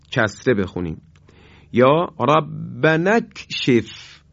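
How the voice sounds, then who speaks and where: A male teacher in a Quran recitation lesson, mid-pitched, explaining pronunciation rules in polite, formal phrases. He slows right down to voice each Arabic example with care. The sound is dry and a little dull, like a close-miked studio recording. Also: dry recording. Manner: slow, drawn-out demonstration of Arabic words.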